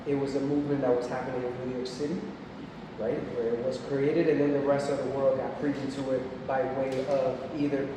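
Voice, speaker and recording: A man's voice: medium pitch, a little fast. A man in his forties from Puerto Rico, casually explaining his art at a gallery talk. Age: 40s. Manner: relaxed, explanatory, with frequent fillers. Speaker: guest artist. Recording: echoey gallery from far off, noisy.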